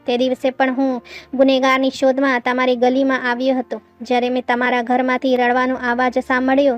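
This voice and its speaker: Young policeman in disguise, calm and explanatory, high flat delivery, read by a woman, faint music behind. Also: highs cut off, lightly acted.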